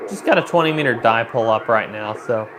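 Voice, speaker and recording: In this casual livestream chat, the host, an amateur radio operator, walks his audience through a demo, thinking out loud as he goes. His mid-range voice is expressive and quick-paced, and background noise is clearly audible.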